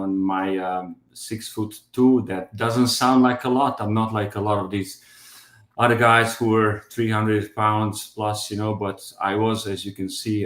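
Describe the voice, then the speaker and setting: A man's voice: lowish voice, a bit bright, echoey room. Man in his fifties, hesitant. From Croatia. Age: 50s. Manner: hesitant, many fillers and restarts. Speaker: guest sharing his diet story. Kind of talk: casual testimonial.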